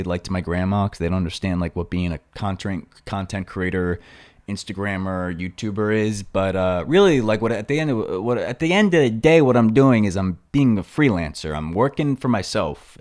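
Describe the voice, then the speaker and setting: A man's voice: sits low, no room sound, studio quality. A young man hosting his own podcast, talking in a laid-back, rambling way full of slang and fillers, sounding tired. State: tired and briefly out of breath. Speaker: podcast host. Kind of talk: casual solo podcast talk. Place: home in Los Angeles.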